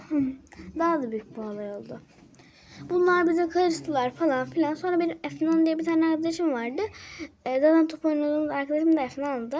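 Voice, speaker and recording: A woman's voice: high voice, mellow. A young girl telling a rambling, agitated story about neighborhood kids in a casual vlog. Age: child. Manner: agitated, rambling with many restarts. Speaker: vlogger.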